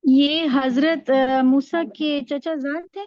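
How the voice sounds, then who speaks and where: A woman's voice: high-pitched, fairly even intonation, a little mellow. A young woman student on a video call, giving short, hesitant answers to her teacher's question. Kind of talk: answering in class. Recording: dull lo-fi call audio.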